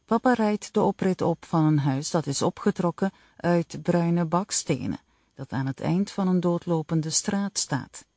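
A woman narrating an audiobook in the first person with a slow, even reading. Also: fairly low pitch, no echo, clean studio sound.

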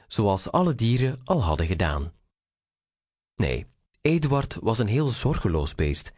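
A man reading a rhyming children's story aloud, slow, expressive and sing-song. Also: fairly low pitch, no echo, studio quality.

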